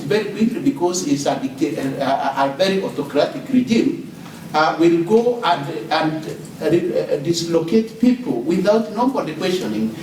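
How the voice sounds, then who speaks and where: A Kenyan man with a high-pitched, darkish voice asks a question from the floor at a panel as an audience member. He's hesitant, full of fillers and restarts. Recorded far from the mic in an echoey hall, with slight background noise.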